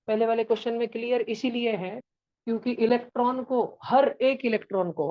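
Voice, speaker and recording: Female teacher, animated storyteller, even-toned delivery, dull close recording. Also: a little high. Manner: animated storyteller, mixes English terms into explanation. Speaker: science teacher. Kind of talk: classroom lecture with playful storytelling.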